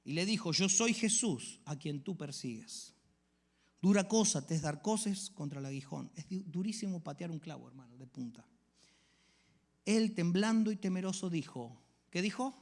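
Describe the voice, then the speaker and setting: A man preaching a sermon, swinging from hushed whispers to loud exclamations. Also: high-pitched, lively intonation, moderate pace. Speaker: pastor.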